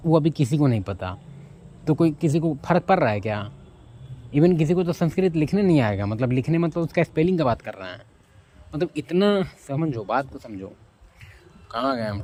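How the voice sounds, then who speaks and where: A man's voice: medium pitch, warm tone, slight background noise. Rambling man on a rooftop. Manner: rambling, loses track and asks himself what the topic was; blunt, addresses listener with informal tu. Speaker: self-help vlogger. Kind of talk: casual advice talk. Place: rooftop outdoors.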